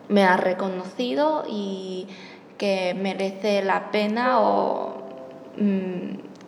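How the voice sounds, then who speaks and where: The voice belongs to a young woman from China whose first language is Chinese, speaking at a medium pitch with a slightly mellow quality. As an interviewee she tells a personal story in a second language, pausing to search for words and correcting herself. The echoey hall adds reverb, and there is faint background noise.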